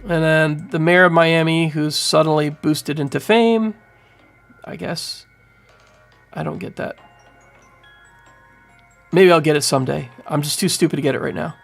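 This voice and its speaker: A man in his thirties doing casual livestream commentary from home on a boom mic, rambling and animated, full of fillers. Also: a little slow, vocal fry, pauses often, soft background music. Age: 30s. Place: home room. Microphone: studio mic on boom arm.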